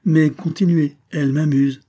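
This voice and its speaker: A man's voice: a little high, steady tone, moderate pace, mellow, pitched above the performer's own voice, lightly acted. Man voicing a proud, fiery young woman. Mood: wary. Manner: mocking, then angry and tearful.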